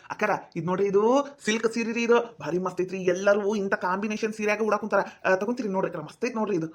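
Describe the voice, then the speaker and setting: A woman playing a chatty village saree seller in a comedy skit, with a North Karnataka accent and a persuasive, flattering sales patter. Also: mid-range voice, racing, natural voice. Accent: North Karnataka Kannada.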